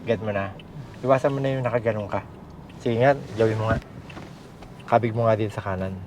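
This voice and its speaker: A man's voice: fairly low pitch, fairly even intonation, brisk. A Filipino man coaching as a driving instructor inside a moving car, giving short commands and tag questions, with machine noise behind him. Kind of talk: hands-on coaching, casual instruction. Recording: muffled audio with loud car engine noise. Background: engine and vehicle noise.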